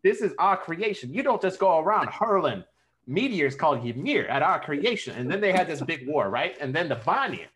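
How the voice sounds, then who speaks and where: A man hamming it up as a rowdy, wisecracking tough-guy storyteller. His put-on accent slides around while he swears and hurls the tale along. His pitch swings widely and he pushes it loud. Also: wildly swooping pitch, unhurried, slightly rough, full character voice. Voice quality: exaggerated put-on accent that keeps shifting. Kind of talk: comic retelling of myth.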